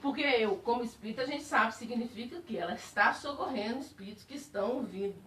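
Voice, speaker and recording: A woman speaking as a spiritist, giving a personal testimony to a group in animated storytelling. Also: on the high side, brisk. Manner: animated storytelling, laughing while recalling. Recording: echoey room, distant mic.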